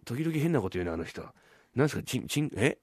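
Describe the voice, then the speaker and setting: A man's voice: medium pitch, big pitch swings, fast, husky, no echo, clean studio sound. A man doing a brash, chummy townsman. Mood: jolly. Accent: old Tokyo downtown speech. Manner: coarse, blunt, chummy street talk. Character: brash, warm-hearted common townsman brother, young adult man. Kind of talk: rakugo storytelling.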